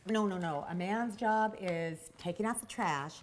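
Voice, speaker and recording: A woman playing a pushy, flirty office coworker in a training skit, loud and teasing. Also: medium pitch, unhurried, slight background noise, close to an everyday voice. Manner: loud, teasing, laughs often. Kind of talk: training video role-play.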